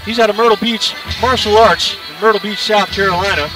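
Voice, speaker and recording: A man's voice: high-pitched, a little fast. Guy calling an mma fight, chatty, kinda far from the mic, music behind him. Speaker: play-by-play fight commentator. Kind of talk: live MMA commentary. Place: live fight venue. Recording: distant mic, loud music and crowd. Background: music and crowd.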